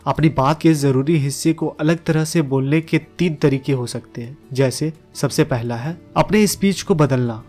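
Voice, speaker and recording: A man narrating a book summary in a steady, explanatory way. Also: on the high side. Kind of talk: scripted narration. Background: faint background music.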